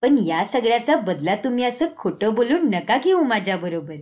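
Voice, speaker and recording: A woman voicing a sly teenage girl, the younger sister-in-law, who talks defensively and pleads in a lowered voice. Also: very animated, normal speed, darkish tone. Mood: defensive pleading.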